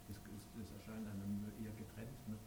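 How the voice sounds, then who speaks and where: A man's voice: fairly low pitch, completely flat delivery, a little fast. A man from the audience asking the teacher a question, hesitant and full of filler sounds, speaking politely and formally. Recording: echoey room with clear background noise.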